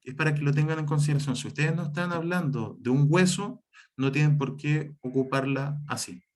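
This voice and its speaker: A man's voice: on the high side, a little fast. A man teaching a spelling lesson, explaining the rules step by step, with frequent fillers and self-corrections. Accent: Chilean Spanish. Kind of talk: spelling lesson over slides.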